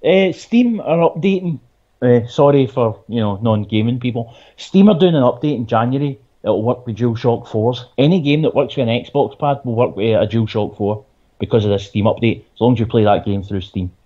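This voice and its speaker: A man's voice: medium pitch, normal speed, dark tone, dull audio. A man with a Glaswegian accent co-hosting a podcast in casual, dry, matter-of-fact chat with some swearing. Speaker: podcast co-host. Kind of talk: casual chat about wrestling and gaming.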